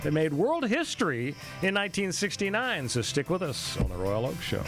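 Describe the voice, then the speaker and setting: Over loud music, a very animated middle-aged American radio host with a fairly high voice discusses news and history conversationally at a moderate pace. He speaks into a close studio microphone in a radio studio.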